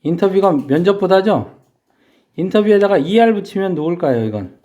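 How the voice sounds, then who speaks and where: Lecturer type, man, warm mellow tone, patient step-by-step explainer. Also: sits high, expressive, moderate pace. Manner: explains step by step, asks students questions. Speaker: English teacher. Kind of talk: vocabulary lecture.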